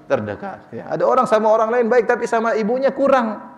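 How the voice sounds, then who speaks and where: Male preacher, slightly high voice, easygoing Q&A delivery with acted-out exchanges, long reverb. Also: sing-song, fast talker. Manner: conversational, playful, acts out short dialogues. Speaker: preacher answering questions. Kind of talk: Islamic study sermon with Q&A.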